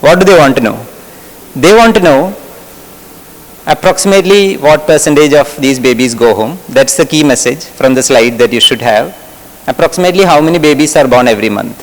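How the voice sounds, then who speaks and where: A middle-aged medical lecturer from Kerala, India, speaks in a mid-range voice with a Malayali English accent, a little fast. He gives a conversational workshop lecture and asks his audience questions. The lecture hall adds reverb to the recording.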